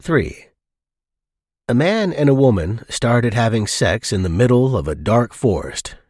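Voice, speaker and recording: Smutty joke-telling man, very animated delivery. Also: fairly low pitch, slightly rough, no echo, studio quality. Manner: theatrical, acts out dialogue in jokes. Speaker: comedian telling jokes. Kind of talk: scripted joke-telling countdown.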